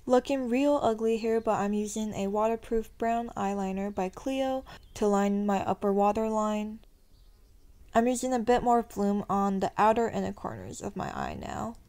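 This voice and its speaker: A woman's voice: mid-range voice, fairly even intonation, normal speed, dark tone. A young woman narrating her makeup tutorial in a chatty, self-deprecating voice-over, her sentences often rising at the end. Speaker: beauty vlogger.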